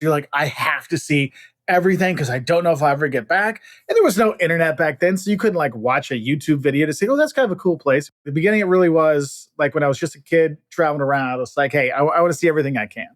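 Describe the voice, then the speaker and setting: In a studio-quality recording with no echo, a middle-aged American travel expert from Illinois speaks fast in a slightly high voice. Chatting casually as an interview guest, he shares animated anecdotes and acts out snippets of dialogue.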